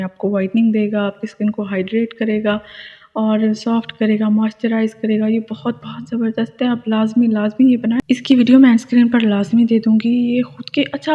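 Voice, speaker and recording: A woman's voice: fairly high pitch, mellow. A woman, casually and enthusiastically reviewing skincare products and laughing at herself. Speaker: beauty vlogger reviewing moisturizers. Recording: lo-fi with long reverb.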